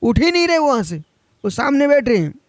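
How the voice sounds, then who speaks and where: A man with a notably high voice delivers a monk's sermon, scolding and exhorting his listeners directly. His pitch climbs on emphatic points, and the sound is dry and close, with no room echo. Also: big pitch swings, brisk. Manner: admonishing, addresses listeners directly. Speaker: Jain monk.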